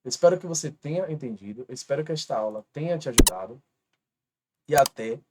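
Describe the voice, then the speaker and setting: A man from Brazil teaching an exam-prep grammar lesson, explaining step by step and repeating each example word slowly while he writes on a board. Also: medium pitch, lively intonation, heavy background noise.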